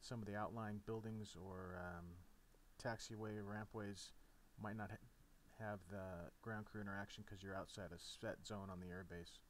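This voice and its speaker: Walking viewers through a flight simulator step by step, this man keeps an informal, instructional tone at normal speed, barely pausing. His voice is on the low side, with steady background noise clearly audible and no game audio.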